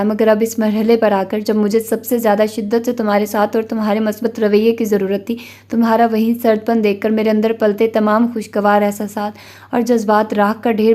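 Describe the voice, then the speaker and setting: A woman's voice: mid-range voice, a little mellow, natural voice. A woman voicing a wounded young husband who speaks coldly and reproachfully in a novel reading. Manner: cold, reproachful.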